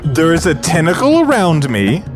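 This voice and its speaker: Male game player, casual and blunt joker, animated pitch, music behind. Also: moderate pace. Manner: blunt, joking, sweary. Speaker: player on a tabletop game podcast. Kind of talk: casual table banter.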